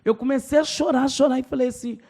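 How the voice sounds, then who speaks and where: Brazilian woman pastor as podcast guest, gravelly voice, emotional storyteller. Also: sits high, fairly even intonation, fast talker, warm tone. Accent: Brazilian Portuguese. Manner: emotional storytelling, acts out dialogue. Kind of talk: personal testimony in a podcast interview.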